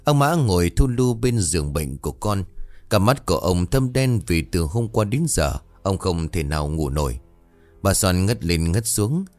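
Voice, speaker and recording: A man narrating a horror folk tale in a calm, steady storytelling manner. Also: low voice, normal speed, no room sound, soft background music.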